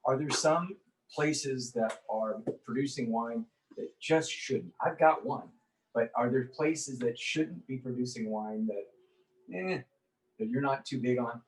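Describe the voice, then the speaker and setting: A man hosts a relaxed chat in a mid-pitched voice. His questions wander, with fillers and easy chuckles. He sits a little away from the microphone. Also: takes it slowly, recorded from a distance, slight background noise, low-quality recording. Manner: loose and rambling, with fillers and chuckles. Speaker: radio talk show host. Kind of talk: casual interview.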